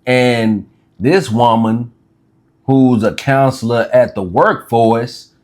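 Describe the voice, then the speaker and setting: A man's voice: medium pitch, fairly even intonation, takes it slowly, darkish tone. A man chatting casually at home with his fiancée, laid-back, often restarting his sentences. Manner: laid-back, repeats and restarts phrases, Southern US dialect. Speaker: co-host of a couple's channel. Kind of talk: casual chat.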